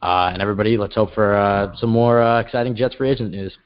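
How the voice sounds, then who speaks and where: A man's voice: lowish voice, fairly even intonation, quick pace, smooth, highs cut off. A male podcast co-host in casual sports chat, talking upbeat and steering the show to its close.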